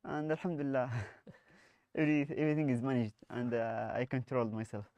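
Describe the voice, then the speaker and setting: A young man, a university student, telling stories softly and hesitantly as a talk show guest. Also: medium pitch, a little fast, no echo, muffled recording. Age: young adult. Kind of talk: casual interview storytelling.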